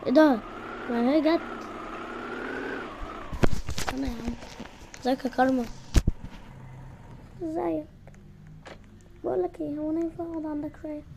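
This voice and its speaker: A woman's voice: sits high, steady tone, normal speed, vocal fry, long pauses, mellow, a little hiss or hum. A young woman with an Egyptian Arabic accent, playfully acting out bickering characters in a game and switching between voices. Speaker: gamer.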